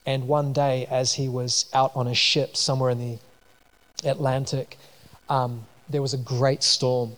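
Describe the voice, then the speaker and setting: Here a New Zealander, speaking with his home accent, delivers a conversational sermon with a personal story, full of fillers and restarts. His pitch is medium and his tone level and fairly bright, with a slightly slow pace. Long hall reverb colors the recording.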